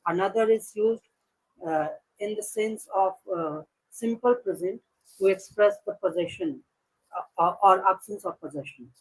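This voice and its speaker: A man practicing English on a video call, carefully explaining grammar step by step with hesitant pauses. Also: high-pitched, a little hiss or hum, poor audio. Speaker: English learner. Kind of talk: conversational English practice session.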